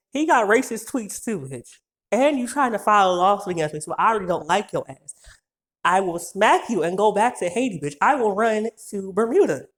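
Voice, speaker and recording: Profane, rambling young woman vlogger. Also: mid-range voice. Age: 20s. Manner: profane, rambling, laughs often. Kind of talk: casual storytime rant.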